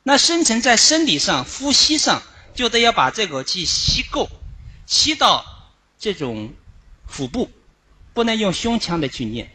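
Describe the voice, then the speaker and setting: A man giving an instructional Dharma talk on chanting, explaining it in a measured way with frequent drawn-out "ah" fillers. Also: high voice, sing-song, bright, forceful tone, breathy edge. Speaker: Buddhist chanting teacher.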